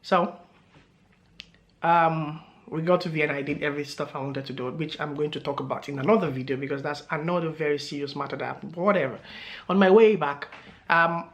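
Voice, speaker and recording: A man's voice: a little high, a little fast. A man vlogging to camera, telling a story in a loose, meandering way, with many fillers and laughs along the way.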